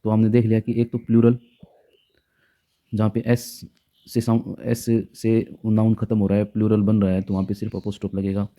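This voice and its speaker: A man's voice: fairly low pitch, completely flat delivery, moderate pace, warm tone. A man teaching a grammar lesson in a patient way, often stopping to check in with his students. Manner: patient, repeats rules with frequent check-ins.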